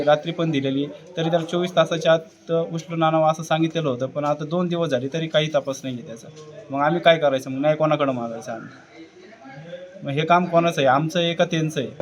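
Agitated man pleading for action. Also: fairly high pitch. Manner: agitated, pleading, hesitant with fillers. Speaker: witness speaking to reporter. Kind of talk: emotional street interview statement.

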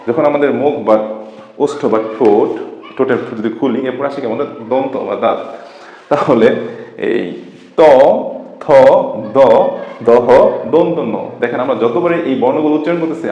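A man's voice: mid-range voice, darkish tone. A man teaching a class-style lesson, who keeps asking rhetorical questions, answers them himself and repeats the key terms. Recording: echoey room, dull lo-fi sound.

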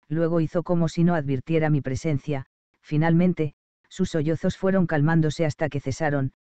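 A man narrating an audiobook in a measured, expressive storytelling manner. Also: on the high side, clean tone, no room sound, dull audio.

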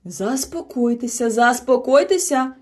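A woman voicing a kind, fussing mother creature who talks gently and soothingly. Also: high voice, animated, quick pace, voice pushed up.

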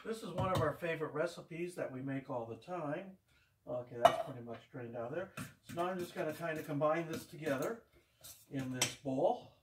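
An older man cooks at home for his vlog, chatting casually and telling rambling homespun stories in a casual cooking demonstration. His fairly high voice at normal speed is picked up by a camera across the room, sounding far off in an echoey kitchen with heavy background noise.

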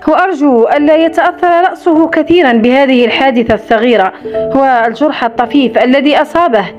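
A woman's voice: high-pitched, quick pace, lightly acted. A woman voicing a blunt, protective grown man in an audiobook romance, reading his lines expressively. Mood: scornful. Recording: slightly dull recording with soft music.

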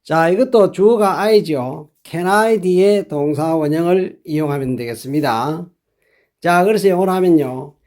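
Guy with a high voice teaching english phrases, super slow and deliberate, says each one twice. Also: a little mellow. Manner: deliberate, repeats phrases slowly for learners to copy. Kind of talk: explaining English phrases in a lesson.

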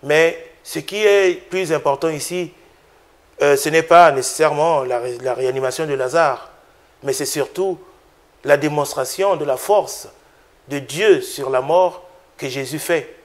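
A male preacher reading scripture and then explaining it in a homily, deliberate and careful, sometimes restarting words. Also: a little high. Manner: deliberate, with restarts and filler sounds.

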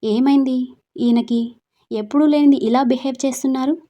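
A caring young wife scolds with earnest reproach, voiced by a woman reading aloud. Her voice sits fairly high. Storybook romance reading. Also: fairly even intonation, moderate pace, warm tone, natural voice. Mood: worried.

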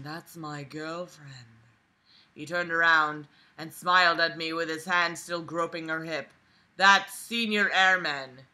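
Lying indoors on her bed in a small bedroom, a woman in her twenties reads something aloud just to mock it. Her voice is fairly low and sharp, and she keeps cutting in with sarcastic, fed-up, foul-mouthed commentary.

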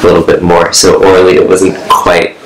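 A young man with a lowish voice reflects thoughtfully on his trio's playing, pausing on "I mean." The room lends a noticeable echo. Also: monotone, a little hiss or hum. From Connecticut, USA. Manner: thoughtful, many "I mean" fillers. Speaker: trio musician being interviewed. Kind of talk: casual interview chat. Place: bright room indoors.

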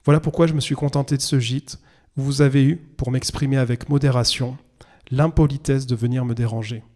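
A man reading as a calm, weary surveyor. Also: natural voice. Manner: calm, low-voiced, measured. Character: weary, composed male land surveyor.

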